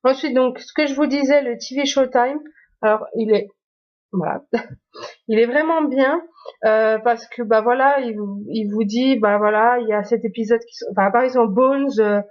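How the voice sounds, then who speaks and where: A woman talks casually to her viewers, stopping often to search for words. Her voice sits a little high. The recording is muffled and lo-fi. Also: moderate pace. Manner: hesitant, many fillers and restarts. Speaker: YouTuber. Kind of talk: casual phone tour vlog.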